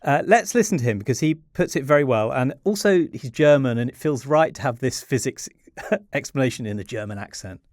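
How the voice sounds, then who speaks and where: A man hosting a science podcast, chatty and playful, often pausing on fillers. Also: medium pitch, lively intonation, darkish tone, dry recording, clean studio sound. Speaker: podcast host. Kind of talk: casual science chat.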